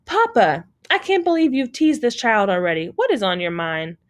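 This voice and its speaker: A woman's voice: mid-range voice, moderate pace, lightly acted. A woman reading aloud, voicing a kind motherly woman in a children's storybook. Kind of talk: audiobook reading.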